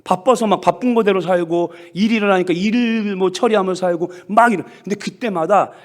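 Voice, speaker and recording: A man's voice: high-pitched, brisk. A man preaching a sermon as pastor, telling a story with acted-out quotes and ringing calls of hallelujah. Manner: animated storytelling with shouted hallelujahs. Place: church sanctuary.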